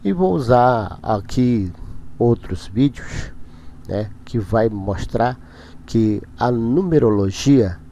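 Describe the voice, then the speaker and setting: A man hosting his own religious channel, delivering a preachy monologue to his viewers in a halting way, repeating words and breaking into emphatic bursts. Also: mid-range voice, expressive, mellow, slight background noise.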